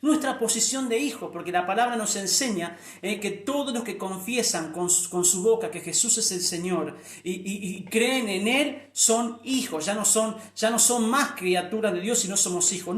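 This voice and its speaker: A man's voice: high-pitched, a bit bright. Earnest preacher man in an echoey room. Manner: earnest, repeats words and restarts, rising emphasis on key phrases. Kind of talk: sermon.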